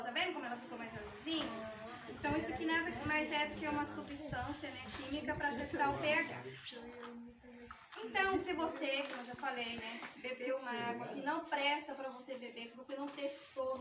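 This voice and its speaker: Her voice high and trembling with nervousness, a woman leads a youth ministry teaching talk, breaking down a live demonstration step by step for her listeners. She's recorded by a far-away mic in an echoey room, with background noise.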